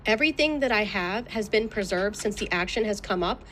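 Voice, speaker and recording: Guarded and clipped, a woman gives answers as the plaintiff in a legal deposition. She speaks fairly quickly in a mid-range voice with lively intonation and a fairly bright tone, over a faint hiss or hum.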